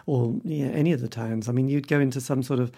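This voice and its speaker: A middle-aged man with an English accent and a husky voice, chatting casually and reminiscing in a rambling, self-deprecating way as an interviewer. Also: mid-range voice, fairly even intonation, quick pace, dark tone. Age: 50s or older. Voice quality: husky, gravelly.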